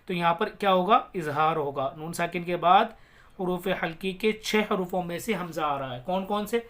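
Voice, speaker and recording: A man with a Pakistani Urdu accent teaches Quran recitation rules with patience and repeats each word. His voice sits high, and he stretches the words into a slow, melodic chant when he recites. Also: a bit bright. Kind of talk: tajweed lesson, explaining then reciting slowly.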